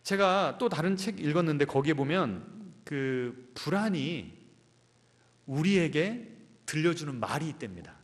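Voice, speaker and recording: A man's voice: a little high, animated, a little slow. A man preaching a Sunday sermon as a pastor, asking the congregation questions and answering them, and acting out inner voices. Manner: acts out inner voices in quotes. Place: church sanctuary. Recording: long hall reverb.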